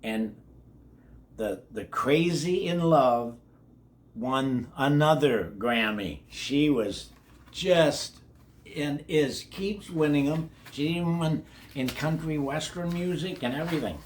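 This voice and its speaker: Here a children's read-along host, an older man with a slightly high, animated voice, reads slowly from a kids' book. He keeps it folksy, repeats words, and breaks in with chatty remarks aimed directly at the children.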